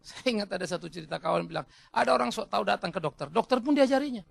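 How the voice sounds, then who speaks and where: Emphatic preaching man, lively pitch. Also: very fast, creaky, no room sound. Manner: emphatic, rhetorical, with sudden rises in pitch. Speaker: pastor. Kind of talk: sermon.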